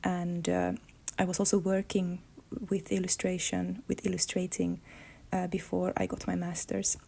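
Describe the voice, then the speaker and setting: The speaker is a Finnish illustrator and comics artist, Swedish-speaking from birth, recounting her life in a reflective monologue. Her gravelly, steady voice sits fairly low and moves at a moderate pace as she thoughtfully searches for words.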